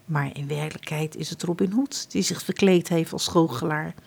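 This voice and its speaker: A woman reading a children's storybook aloud, expressive and hushed at times. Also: low-pitched, normal speed, vocal fry, breathy edge.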